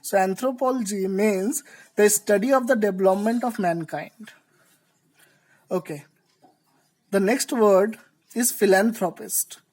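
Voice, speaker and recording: A woman teaching an English vocabulary lesson, explaining word roots slowly and deliberately. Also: mid-range voice, a little mellow, low-quality recording.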